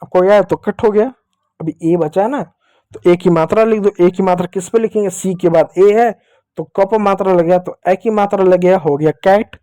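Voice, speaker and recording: With a high, warm voice at normal speed and no echo, a man teaches young children online. He goes over each point patiently and answers the questions he asks, writing with a digital pen while speaking.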